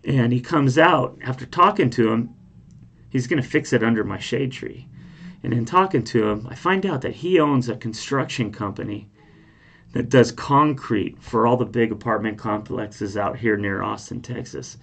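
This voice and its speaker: A man's voice: mid-range voice, moderate pace, creaky, a bit bright. A man hosting a reaction video, talking casually and conversationally as he shares personal anecdotes. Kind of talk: casual rambling chat and storytelling.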